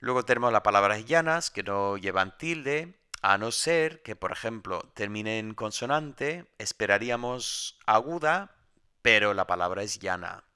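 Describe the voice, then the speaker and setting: Man teaching a Greek lesson, bright crisp voice, lowish pitch, explanatory with restarts. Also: animated, measured pace. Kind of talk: recorded grammar lesson. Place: home.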